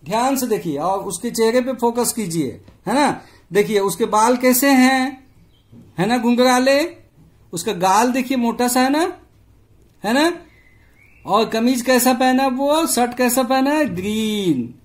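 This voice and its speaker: High-pitched guy teacher walking kids through a story lesson, slow, keeps asking them questions. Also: animated. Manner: patient, asks the class questions, tags "है ना" often. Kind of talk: explaining a storybook lesson to children.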